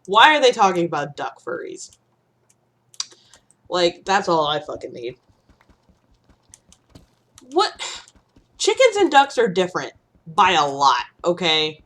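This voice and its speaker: A woman's voice: on the low side, wildly swooping pitch, slow pace, long pauses, a bit bright. A young woman from the Midwest streaming a game, rambling and swearing freely. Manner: rambling, swears freely, sudden panicked outbursts. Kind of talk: casual gaming stream chat.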